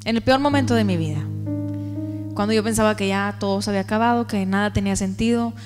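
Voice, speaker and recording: A woman's voice: mid-range voice, fast, long reverb tail, over music. A woman giving an earnest, emotional testimony to a church congregation, often asking the listeners questions. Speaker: testimony speaker.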